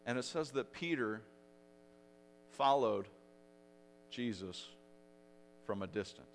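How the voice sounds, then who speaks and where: A male pastor preaching a sermon in a mid-pitched voice. He retells the story dramatically, swelling louder for the shouted lines. A faint electrical hum sits under the recording. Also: animated, takes it slowly. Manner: dramatic storytelling, rising loud for quoted shouts.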